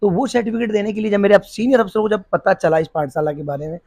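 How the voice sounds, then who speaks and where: A man's voice: high voice, fairly even intonation, fast, darkish tone, no echo. A middle-aged man, a police officer who runs a school, answering interview questions earnestly, often restarting his sentences. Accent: Hindi. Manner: earnest, repeats and restarts while searching for words.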